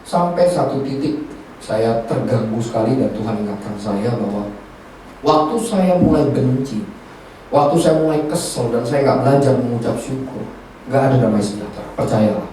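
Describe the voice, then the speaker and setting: Animated pastor in an echoey hall. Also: male voice, medium pitch, normal speed, a little hiss or hum. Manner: animated storytelling, colloquial Jakarta slang. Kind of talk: sermon. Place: church hall. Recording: distant echoey church hall recording.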